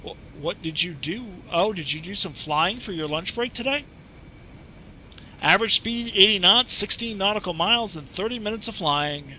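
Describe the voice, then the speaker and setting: A man casually commenting on his flight simulator session, chatting and laughing easily while reading back radio clearances. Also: high voice, expressive, normal speed, sharp tone, slight background noise, low-quality recording. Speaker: flight sim streamer.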